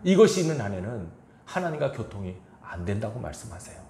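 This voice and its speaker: A man's voice: fairly low pitch, very animated, creaky, warm tone, slight background noise. Man preaching in an echoey church. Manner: reads scripture slowly, then preaches with rhetorical questions to the congregation. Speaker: pastor. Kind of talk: sermon. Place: church sanctuary.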